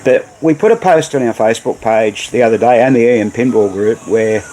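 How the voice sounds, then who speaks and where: A man's voice: medium pitch, a little fast, warm tone, slight background noise, poor audio. An Australian man hosting a casual livestream about repairing old pinball machines, rambling with many fillers. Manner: rambling, reads viewer messages aloud.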